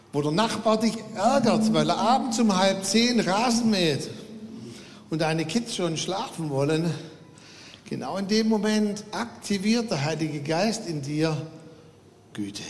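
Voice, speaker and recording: A man's voice: high voice, slight background noise. A man preaching a sermon to his congregation, telling a story animatedly and acting out the quotes. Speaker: pastor. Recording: long hall reverb.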